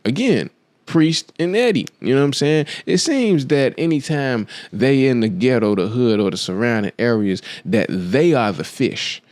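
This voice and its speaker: A man's voice: medium pitch, lively intonation, moderate pace, darkish tone, dry recording. A man hosting his own show, telling a film story in a casual, slangy way and acting out the quotes as he goes. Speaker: podcast host. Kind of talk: casual monologue, film analysis.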